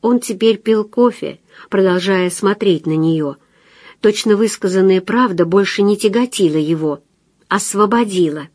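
An audiobook narrator, a woman with a medium-pitched voice, reads a romantic story in scripted narration. Her storytelling is calm and measured. The recording is dry, with clean studio sound.

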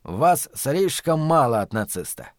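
A man's voice: mid-range voice, sing-song, unhurried, dry recording, studio quality. A man voicing a formal, contemptuous older scholar. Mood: scornful.

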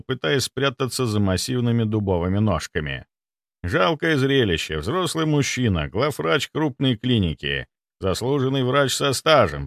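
A man narrating a first-person audiobook in an expressive, wry manner. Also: medium pitch, vocal fry, no echo, studio quality.

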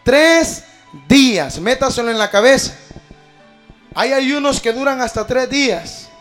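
A man's voice: extremely high pitch, lively intonation, measured pace, fairly bright tone, faint music behind. A pastor preaching a sermon, calling his listeners brother and rising in force at times.

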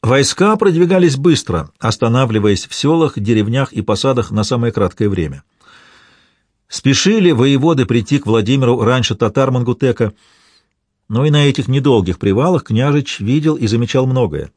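A man reads a historical tale aloud in a measured, storytelling manner. His voice sits at a typical male pitch. The recording is dry and close, with no room echo. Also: lively intonation, darkish tone, slightly rough. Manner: measured, old-fashioned storytelling. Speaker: narrator. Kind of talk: scripted audiobook narration.

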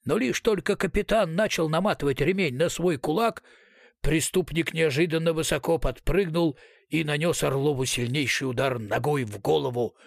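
A man narrating an audiobook in a measured, steady reading style. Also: a little high, gravelly, no echo, clean studio sound. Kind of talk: scripted narration.

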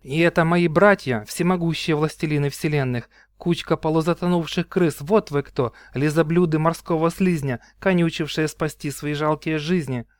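A man's voice: a little high, fairly even intonation, moderate pace, few pauses, dry recording, studio quality, close to an everyday voice. A man voicing a proud, defiant woman who scorns her brothers. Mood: scornful. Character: proud fierce woman, contemptuous sister.

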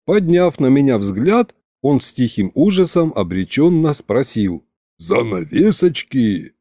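A man narrating a humorous fantasy audiobook with lively storytelling intonation. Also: mid-range voice, measured pace, no echo, studio quality. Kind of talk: scripted narration.

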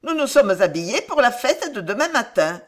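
A woman's voice: on the high side, big pitch swings, moderate pace, pitched above the performer's own voice. A woman voicing a naive young street woman, speaking eagerly and innocently, a little raised.

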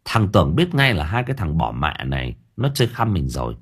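A man narrating a comic supernatural audiobook in a lively, colloquial way. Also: low voice, brisk, husky. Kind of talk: storytelling narration.

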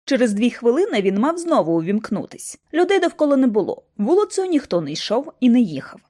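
Woman reading a novel out loud, first person, kinda high voice, dramatic pauses. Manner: expressive storytelling with dramatic pauses. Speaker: audiobook narrator. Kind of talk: first-person audiobook narration.

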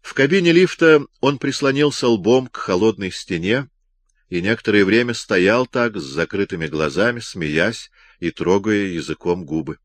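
A man narrating a story for an audiobook in an expressive, measured way. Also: lowish voice, dry recording. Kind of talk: scripted narration.

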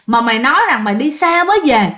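A woman's voice: fairly high pitch, lively intonation, quick pace, bright, forceful tone, reverberant. A woman voicing a fearless aunt, blunt and challenging. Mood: defiant.

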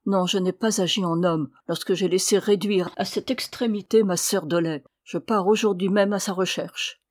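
A woman's voice: mid-range voice, fairly even intonation, moderate pace, no echo, natural voice. Woman reading as a young man, earnest, pleading, devoted son, dry close sound. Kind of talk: audiobook reading.

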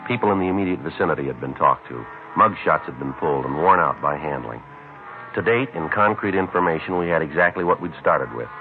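An actor playing a male police detective who narrates in a clipped, flat, matter-of-fact way. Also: rumbling low. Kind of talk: 1950s radio police drama narration. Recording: tinny old radio broadcast with faint music.

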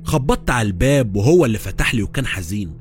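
A man with an Egyptian accent narrating a first-person horror story, brisk and tense. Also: medium pitch, animated. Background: faint music.

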